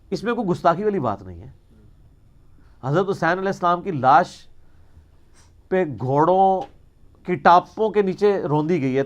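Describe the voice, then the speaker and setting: Heard on a muffled recording, a man speaking with a Pakistani Punjabi accent fields religious questions in a casual lecture. His voice is high-pitched, and he argues forcefully, posing rhetorical questions and switching into Punjabi at times.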